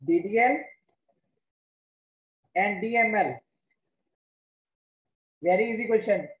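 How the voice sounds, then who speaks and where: A woman teacher with a North Indian accent gives a step-by-step online lesson. She speaks slowly and haltingly, often repeating words. Her voice rings in an echoey room. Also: mid-range voice, highs cut off. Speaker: computer science teacher. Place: indoors, online class with screen share.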